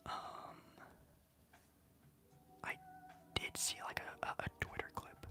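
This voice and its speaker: An ASMR streamer whispering softly and chattily while answering live chat questions. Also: slow pace. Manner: soft, unvoiced whisper with chatty fillers.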